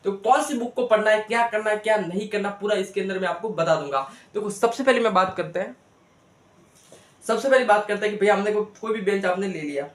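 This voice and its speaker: A man's voice: high voice, fairly quick. A young man, a biology educator, giving casual, earnest coaching advice to students, repeating points and talking straight to them. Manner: chatty and earnest, repeats himself, direct address. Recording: echoey room.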